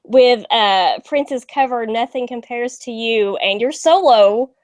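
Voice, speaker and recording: A woman with a Southern US accent hosting a casual interview, bubbly and quick to laugh. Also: on the high side, darkish tone, dry recording. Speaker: host.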